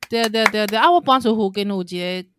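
A woman in her thirties with a Taiwanese Mandarin accent, co-hosting a casual chat and telling lively stories about being a mother. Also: fairly high pitch, fast, crowd noise. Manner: animated storyteller, laughs a lot, acts out a crying child. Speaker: podcast co-host, mother.

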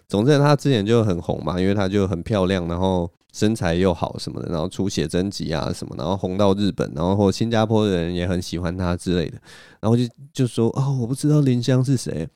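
A man hosts a solo podcast, rambling through stories in a self-mocking way. His voice is low, mellow and smooth. The close mic gives a dry sound. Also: fast, dry recording. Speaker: podcast host. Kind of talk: casual solo storytelling.

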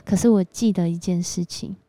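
A woman giving a devotional sermon, telling a story in a lively way with frequent exclamations. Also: on the low side, moderate pace, no room sound. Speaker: church speaker. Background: faint background music.

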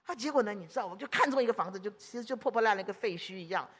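A woman preaching a lively sermon, exclaiming and asking the congregation questions, swinging from loud declarations to hushed asides. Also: mid-range voice, very fast, breathy edge.

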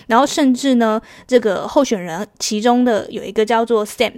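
A woman's voice: on the high side, normal speed, a little mellow, no room sound, clean studio sound. A woman with a Taiwanese Mandarin accent hosting a casual solo podcast, chatty and storytelling, with many fillers. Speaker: podcast host.

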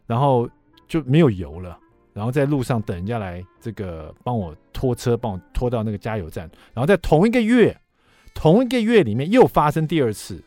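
Animated middle-aged radio host. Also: male voice, medium pitch, no room sound. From Taiwan. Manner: animated, self-mocking anecdote telling. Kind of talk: radio talk show storytelling. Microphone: studio microphone.

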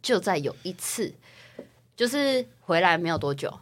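A young woman from Taiwan, co-hosting a casual podcast chat and telling personal stories in a chatty, animated way. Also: fairly low pitch, moderate pace. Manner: chatty, animated storytelling with rising excitement. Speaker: podcast co-host.

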